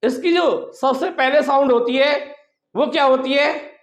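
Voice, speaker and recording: Male teacher, high voice, unhurried, drills sounds back to the class; roomy echo. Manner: asks rhetorical questions and repeats sounds slowly as drills. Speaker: English teacher. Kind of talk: classroom pronunciation lesson.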